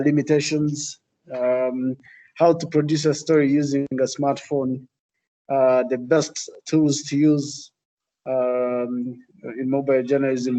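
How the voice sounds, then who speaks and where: A man's voice: mid-range voice, dark tone, poor audio. A man working as an instructor, explaining a training course in a hesitant, piecemeal way. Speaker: journalism instructor.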